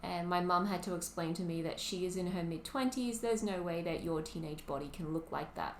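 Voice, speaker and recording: A woman in her twenties with an Australian accent, co-hosting a podcast in casual chat, talkative and quick to laugh. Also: fairly low pitch. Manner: chatty, laughs often, lots of ums. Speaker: podcast co-host. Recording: roomy with faint ambient noise.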